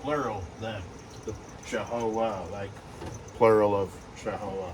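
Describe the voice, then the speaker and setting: A man who breeds reptiles talks casually in a vlog while handling geckos, with lots of fillers and soft reassurances to the animals. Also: on the low side, steady tone, unhurried, noisy background. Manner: rambling, filler-heavy, coos softly to the geckos.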